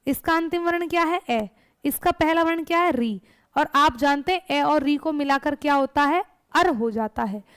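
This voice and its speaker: High-voiced woman teaching grammar, asking and answering. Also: no echo. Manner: explains step by step, asks questions and answers them herself. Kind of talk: exam-prep lesson.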